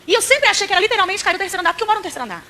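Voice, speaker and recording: A woman's voice: very high voice, expressive, very fast, bright, forceful tone, slight background noise. A woman with a Brazilian accent giving a church testimony as a preacher, telling her story dramatically and speaking straight to the congregation.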